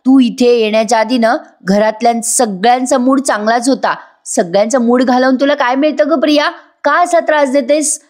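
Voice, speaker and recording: A woman's voice: on the high side, fairly even intonation, moderate pace, close to an everyday voice. A woman voicing a sensible young wife who firmly tells off a rude relative. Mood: scolding. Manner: reproachful, firm.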